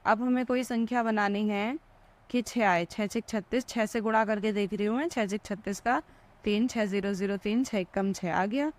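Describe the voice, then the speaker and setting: A woman's voice: medium pitch, moderate pace. A woman teaching maths, asking questions and answering them herself as she explains each step.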